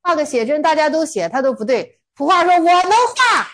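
A woman's voice: sits high, expressive, fast talker. A woman teaching Zen koans in a casual, colloquial storytelling way, briefly acting out the people in each story. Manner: colloquial, acts out dialogue in stories.

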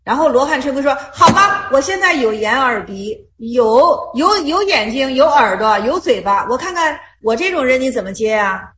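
A woman's voice: sits high, expressive, normal speed, hardly any pauses. A woman leading a casual Buddhist study group, retelling Zen koans in plain speech and asking questions over and over. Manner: repeats herself, asks rhetorical questions, retells stories in plain speech.

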